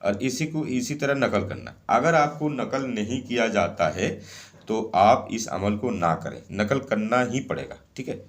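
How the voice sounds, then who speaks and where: A man's voice: on the low side, animated, unhurried. A man explaining ritual instructions step by step in a casual spoken way, repeating each point and often checking in with "okay".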